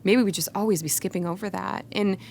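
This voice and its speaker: A woman's voice: mid-range voice, a little fast, creaky, darkish tone, slight background noise. A woman guest on a company podcast, talking upbeat and casual and laughing often. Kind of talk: casual interview talk.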